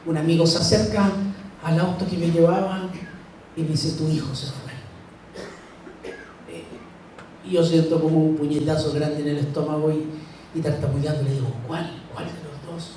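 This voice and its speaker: At a church in Chile, a middle-aged man gives a personal testimony talk in a church hall. His dark voice sits on the high side with a flat delivery, and his storytelling is slow, halting and heavy with grief, with long pauses. The hall is echoey, the mic is far off, and there's slight background noise.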